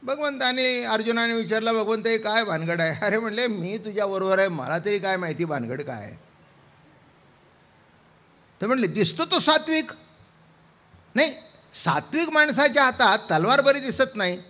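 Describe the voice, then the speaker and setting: A man's voice: sits high, lively intonation, normal speed, pauses often, pushed and bright. A man preaching a devotional kirtan sermon, telling stories with acted dialogue and asking the audience questions. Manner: theatrical, acts out dialogue, asks the audience questions.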